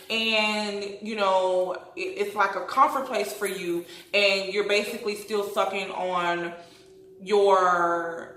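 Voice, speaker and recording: A bright-voiced woman talks with braces, giving her speech a noticeable lisp. She chats casually in a rambling vlog style, recorded in a roomy, echoey space. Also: mid-range voice. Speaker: vlogger. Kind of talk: casual chatty vlog to followers.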